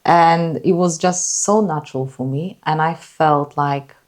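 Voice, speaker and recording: Low-voiced woman sharing her story. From Poland. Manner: earnest, halting, repeats words. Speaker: guest. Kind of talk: personal story in a podcast interview.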